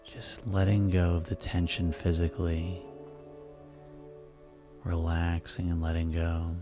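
A man guiding sleep hypnosis in a soft, soothing, unhurried manner, leaving pauses between phrases. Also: sits low, level tone. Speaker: hypnosis guide. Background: relaxation music.

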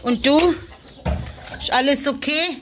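Speaking slowly in a high voice, a German woman records a casual vlog on her small farm, talking and cooing to her kids and animals. Chickens and other faint farmyard sounds are in the background.

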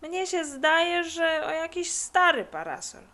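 A woman voicing a lazy, dreamy boy who talks slowly and sleepily. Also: very high-pitched, very animated, bright, forceful tone, voice pushed up, heavily acted. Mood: sleepy drawl.

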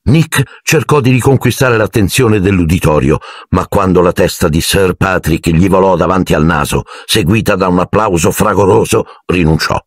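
A man reading an audiobook aloud in an expressive, animated way. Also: low voice, moderate pace, hardly any pauses, no room sound. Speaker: audiobook narrator. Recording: dry close recording.

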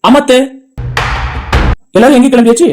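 A man voicing a young son-in-law, polite and quietly hurt. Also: extremely high pitch, steady tone, moderate pace, noisy background. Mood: subdued. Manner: polite, subdued. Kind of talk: amateur cartoon voice acting.

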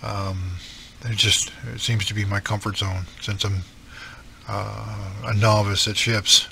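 A man's voice: on the low side, flat delivery, takes it slowly, gravelly, very noisy. A middle-aged man with an East Coast Canadian accent, chatting casually and rambling about his hobby with many ums and self-deprecating asides. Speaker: scale modelling channel host. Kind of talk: casual chat.

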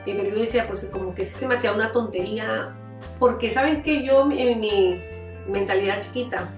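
A middle-aged mother speaks heartfelt and reflective, often restarting her sentences, at an ordinary pitch for a woman. Her voice rings in an echoey room, picked up from some distance by the mic. Faint music plays underneath. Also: brisk. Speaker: mother of a former camp participant. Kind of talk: interview, personal testimony.

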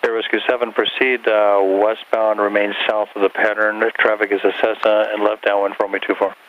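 A man's voice: lowish voice, flat delivery, brisk, highs cut off. A man working as an air traffic controller, giving clipped, matter-of-fact instructions by radio, heard over a pilot headset. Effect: aviation radio.

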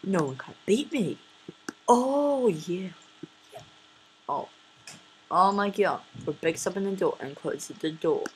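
A woman giving casual commentary over a game she is playing, excitable, often repeating words and laughing. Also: medium pitch, slow pace, pauses often, a little hiss or hum.

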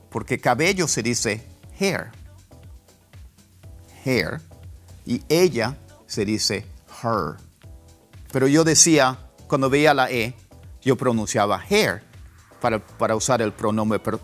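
A man teaching an online pronunciation lesson, repeating words slowly for drill. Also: medium pitch, fairly bright tone. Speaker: English teacher.

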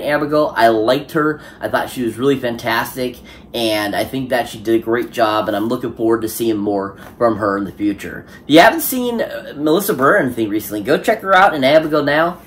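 A man's voice: medium pitch, slight background noise. A man giving a casual spoken film review, enthusiastic and rambling, with many fillers and restarts. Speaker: movie reviewer.

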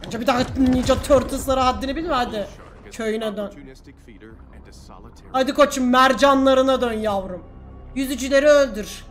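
A woman's voice: high voice, moderate pace, long pauses, soft background music. A woman streaming a video game, joking, swearing and taunting the characters in casual commentary. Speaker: gameplay streamer. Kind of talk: casual let's-play commentary.

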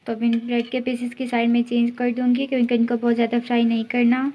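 A woman hosting her home cooking channel, explaining each step in a steady voice-over. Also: on the high side, fast, lo-fi sound, slight background noise. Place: home kitchen.

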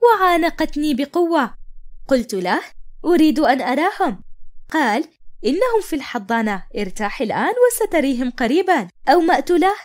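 A woman narrating an animated story in the first person and voicing every figure herself. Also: brisk. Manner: voices every figure herself, dropping lower for the doctor. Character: Nour, a young wife and mother telling her own story. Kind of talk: storytelling narration in classical Arabic.

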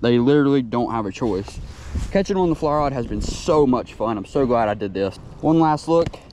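A young fishing vlogger gets worked up as he reels in fish beside a lake, talking straight to them. His voice is warm and mellow, medium in pitch, at a moderate pace. It was captured on a chest-mounted action camera in a low-quality outdoor recording with faint wind hiss and ambience.

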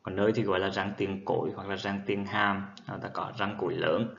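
A man's voice: low-pitched, level tone, a little fast, vocal fry, slight background noise. A man giving a methodical, patient lecture on dental terminology, spelling out each term step by step. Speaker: dental instructor. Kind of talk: explanatory lecture. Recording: dull lo-fi recording.

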